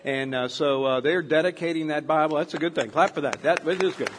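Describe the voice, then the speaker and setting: An older pastor delivers a sermon in a loose, conversational style, wandering into stories as he goes. His voice is a touch higher than most men's. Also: brisk, a faint crowd, a little hiss or hum. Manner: rambling, with many fillers and restarts; storytelling, conversational.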